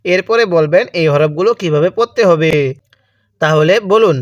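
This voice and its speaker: Drilling one syllable at a time and repeating each for the learner, a man teaches Arabic letter reading in a slow recitation lesson, speaking with a Bangladeshi Bengali accent. His voice is a little high, at a normal speed. The dry recording has its highs cut off.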